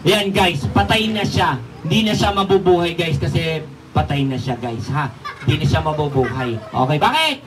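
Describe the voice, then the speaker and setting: Young man, comic ventriloquist at a kids' party, high lively voice, distant mic with a noisy crowd. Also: normal speed. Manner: playful, teasing, addressing the audience. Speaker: ventriloquist entertainer. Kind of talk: live comic ventriloquist show for children. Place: children's party.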